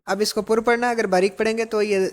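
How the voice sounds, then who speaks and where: A woman teaching Quran reading, drawing out each syllable slowly and explaining quickly in between. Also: medium pitch, fairly even intonation. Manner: slow, drawn-out syllables alternating with quick explanations. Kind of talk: slow drilled recitation lesson.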